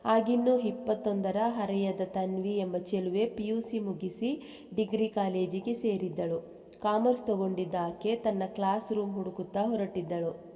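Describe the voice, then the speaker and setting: Woman storyteller with a mellow, dark voice, reading a love story aloud; long reverb on the track. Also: medium pitch, a little slow. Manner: reads aloud at an even pace, dropping into the characters' speech for quotes. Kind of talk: narrating a love story, voicing each character's quoted lines.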